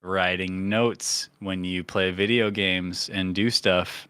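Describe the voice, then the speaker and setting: A man's voice: sits low, steady tone, slow, sharp tone, clean tone, dry recording. A man, recorded dry. He co-hosts a podcast in casual banter, slangy and teasing. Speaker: podcast co-host.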